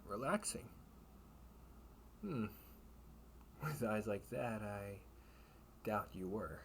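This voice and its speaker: An amateur audio roleplay performer voices a kindly, teasing knight captain in a comfort roleplay, using courtly, old-fashioned phrasing and sounding gently concerned. He commits fully to the character with a lowish, animated voice delivered very slowly. It's a clearly noisy home recording with ambience.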